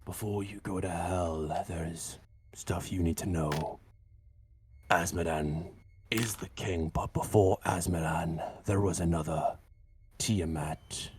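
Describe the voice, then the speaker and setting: A man voicing an ominous demonic lore-giver who warns of hell in slow, solemn tabletop game narration with a husky voice. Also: sits low, a little mellow, a little hiss or hum. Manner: slow solemn dramatic delivery.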